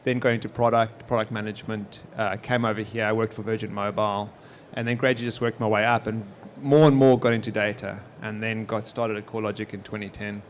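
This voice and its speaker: At a live podcast on an expo stage, a South African tech executive in his forties explains things as a guest in relaxed conversation. He speaks briskly in a fairly low, level voice, with a little hiss or hum in the recording.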